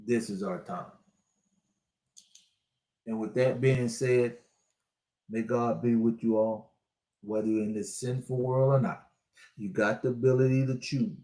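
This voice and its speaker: A man's voice: mid-range voice, fairly even intonation, unhurried, long pauses, warm tone, echoey room. A man in his sixties giving a preachy, repetitive motivational talk to his online viewers as a spiritual life coach. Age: 60s.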